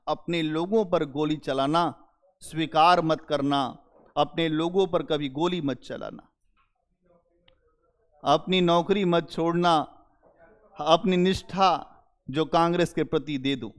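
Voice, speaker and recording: A man teaching a history lecture to exam students, emphatic and deliberate, often asking the class rhetorical questions. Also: a little high, clear, resonant tone.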